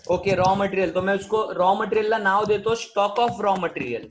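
Man, high voice, accounts teacher, quizzing students, noisy recording, keyboard clicks. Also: normal speed. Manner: switches between Hindi, Marathi and English, questions students often. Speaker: commerce teacher. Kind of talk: online accounts lecture.

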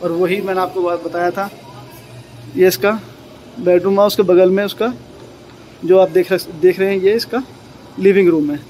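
Brief: man, 30s, chatty property vlogger, high voice, phone at arm's length, faint hiss behind. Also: steady tone, normal speed, long pauses, a little mellow, low-quality recording. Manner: chatty, repeats himself, points things out while walking. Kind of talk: casual walkthrough vlog. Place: new apartment building, indoors and outdoors. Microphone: handheld phone at arm's length.

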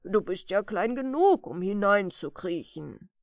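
A woman's voice: expressive, dry recording, clean studio sound. A woman doing a jovial good-natured giant. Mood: friendly, pleading. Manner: slow, drawn-out, booming delivery. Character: big good-natured friendly male giant. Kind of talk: bedtime audiobook reading.

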